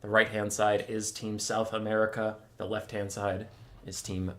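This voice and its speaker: A man with a lowish, level, slightly bright voice chats at a moderate pace before casting a game tournament on his stream. He rambles with dry, self-mocking humor and drops casual swears, speaking into a desk mic with no camera.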